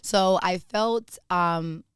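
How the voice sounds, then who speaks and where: A woman guest speaks in a lowish, smooth and resonant voice, earnest and animated as she tells her story. The sound is dry and close, with no room echo. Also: extremely slow. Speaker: actress guest. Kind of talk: casual interview talk.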